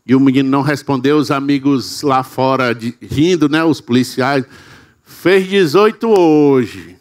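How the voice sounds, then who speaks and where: A man's voice: medium pitch, fairly even intonation, normal speed. A man with a Brazilian Portuguese accent, preaching a sermon and telling a story in a dramatic, emotional way.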